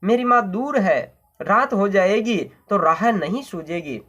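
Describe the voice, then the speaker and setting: Male teacher reading a scared baby bird, storybook, repeats her pleas, fairly high. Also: animated, measured pace, a bit bright, heavily acted. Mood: pleading. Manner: pleading, sobbing, repeats herself. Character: frightened little female chick bird, crying.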